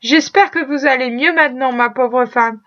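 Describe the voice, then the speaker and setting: A woman voicing a gentle, motherly senator's wife speaking softly and kindly, in a storybook reading on a muffled lo-fi recording. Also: high-pitched, moderate pace. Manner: soft, kind.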